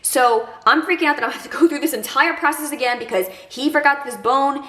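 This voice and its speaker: Young woman vlogger, stuffy congested nose, slightly high voice, roomy echo. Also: quick pace, pushed and bright. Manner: chatty, many fillers like "like" and "kinda". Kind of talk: casual advice vlog.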